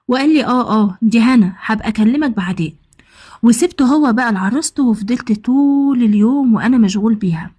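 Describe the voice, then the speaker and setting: A woman with an Egyptian accent tells a story in the first person as a man of about thirty, talking fast and acting out the dialogue herself. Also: on the high side, mellow, lightly acted. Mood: wistful. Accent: Egyptian Arabic. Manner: rapid, conversational retelling with quoted dialogue. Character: man around thirty, newly married, smitten and confessional.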